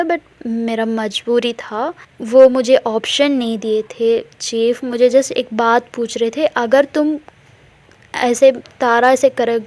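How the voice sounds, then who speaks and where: A woman's voice: a little high, darkish tone. A woman voicing a remorseful young wife who pleads with her partner for forgiveness, mixing English words into her talk, in a casual storytelling style. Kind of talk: casual retelling of a love story.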